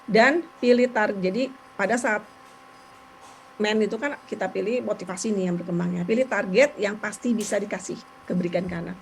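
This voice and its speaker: A woman talking casually and explaining therapy ideas as a parent, chatty and animated, with quick laughs. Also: medium pitch, a little hiss or hum, rough recording.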